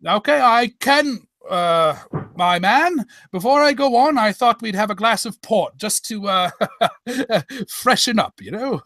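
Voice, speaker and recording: Guy doing fussy jolly doctor storyteller, super high bright voice, stammery n apologetic, radio spoof. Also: expressive, unhurried, no room sound, exaggerated voice. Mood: flustered, genial. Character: genial, fussy, doddery gentleman doctor, Watson, recounting adventures. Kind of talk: comic old-time radio storytelling.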